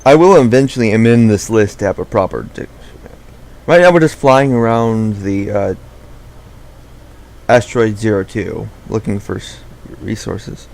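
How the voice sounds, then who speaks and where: A man's voice: lowish voice, moderate pace, creaky, a little mellow. A young man giving casual, rambling gameplay commentary, often correcting himself mid-sentence. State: out of breath.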